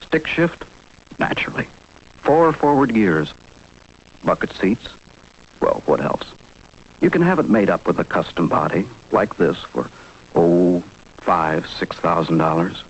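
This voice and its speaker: Man as vintage car ad salesman, deep, husky, assured, clipped, muffled old recording. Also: animated, unhurried, long pauses, full character voice. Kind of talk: vintage car commercial pitch. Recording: dull, muffled old commercial.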